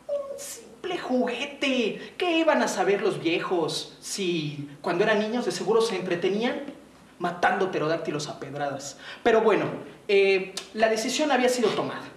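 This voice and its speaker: A man from Mexico's southern coast with a Mexican accent, telling a story to young people with playful, dramatic pitch swings and slowdowns. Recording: roomy, distant mic, faint noise.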